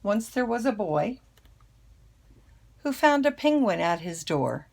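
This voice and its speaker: An older woman, a grandmother with a husky, creaky voice, reading a children's picture book aloud. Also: medium pitch, big pitch swings, slow, darkish tone. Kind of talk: children's storybook read-aloud.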